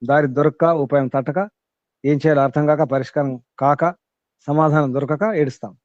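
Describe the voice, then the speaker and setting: A man explains scripture to a class in a slightly high voice, repeating his points and turning them into questions. The sound is dull and lo-fi. It is also dry, with no room echo. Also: fairly even intonation, normal speed, darkish tone. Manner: repetitive, questioning, emphatic teaching. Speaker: teacher of scripture.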